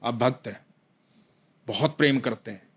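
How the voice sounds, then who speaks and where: A man telling a devotional story in a dramatic, often hushed way. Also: medium pitch, moderate pace, slightly rough.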